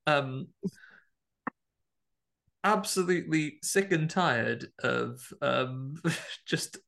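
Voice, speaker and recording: A man's voice: fairly high pitch, lively intonation, extremely slow, gravelly, fairly bright tone. A man, co-hosting a podcast and setting word puzzles in casual chat, hesitant with many ums and chuckles. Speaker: podcast co-host.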